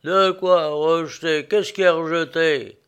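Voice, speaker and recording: A coarse, blunt condemned prisoner, as a male reader puts him on in a storybook reading. His voice rises higher and louder than the narration, with rough working-class speech. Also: steady tone, a little slow. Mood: gruff.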